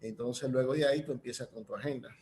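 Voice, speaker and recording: A man's voice: medium pitch, quick pace, a little mellow. A man hosting an online panel talk, hesitant with restarts. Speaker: host.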